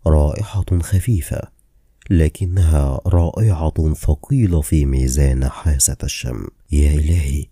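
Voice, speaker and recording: Deep husky male storyteller. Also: normal speed, mellow, dry recording, clean studio sound. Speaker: audiobook narrator. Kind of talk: first-person novel reading.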